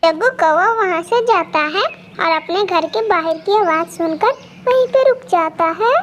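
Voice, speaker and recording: A woman's voice: very high voice, moderate pace. A woman narrating a cartoon story in a sing-song storybook manner. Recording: steady background noise.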